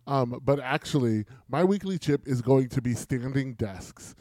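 Man, podcast co-host, enthusiastic rambler, mellow tone, dry close mic. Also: medium pitch, animated, unhurried, no echo. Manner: enthusiastic, rambling about gear. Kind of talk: casual chat.

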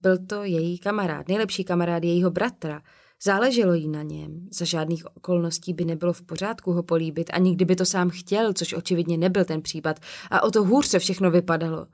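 A woman narrating an audiobook in a calm, measured reading. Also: on the low side. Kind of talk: scripted narration.

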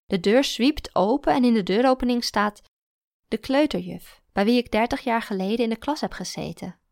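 A woman reading a first-person story aloud in a calm, even storytelling manner. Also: on the high side, moderate pace, creaky, no room sound, studio quality. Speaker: narrator.

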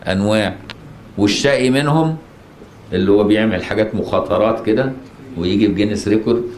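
Man, Egyptian accent, religious teacher, casual explaining, frequent rhetorical questions, lowish voice, echoey mosque. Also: quick pace, darkish tone. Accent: Egyptian Arabic. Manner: asks rhetorical questions, checks understanding. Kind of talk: colloquial religious lesson. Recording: echoey mosque, faint noise.

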